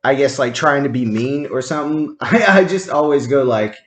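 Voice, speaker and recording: A man's voice: medium pitch, normal speed, fairly bright tone. Young male podcast co-host, loose and rambling, laughs a lot, roomy echo. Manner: rambling, laughing, lots of fillers. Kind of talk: casual chat.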